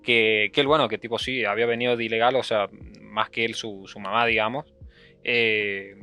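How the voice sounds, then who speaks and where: Bright-voiced Argentine man, chatting. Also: lowish voice, little pitch movement, moderate pace, clear, resonant tone, soft background music. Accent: Argentine Spanish. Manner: asks follow-up questions, loose with fillers like "tipo" and "digamos". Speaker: podcast co-host. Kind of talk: casual chat.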